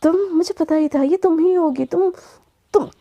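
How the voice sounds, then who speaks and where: A woman's voice: extremely high pitch, normal speed, mellow. A woman voicing an angry young college woman, scornful and snapping, in a casual spoken story.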